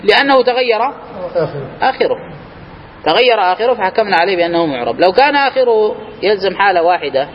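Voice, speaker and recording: A man's voice: high-pitched, lively intonation, quick pace, long pauses. A man teaching a grammar class to students in person, explaining step by step and testing them with questions as he goes. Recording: reverberant room, muffled, faint hiss.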